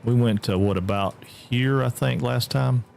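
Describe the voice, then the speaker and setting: A man from Georgia with a Southern accent chats casually while live-streaming a game, reading chat messages aloud and answering them. His voice is gravelly and measured, with a slight hiss or hum, and his drawl jumps high when he gets excited.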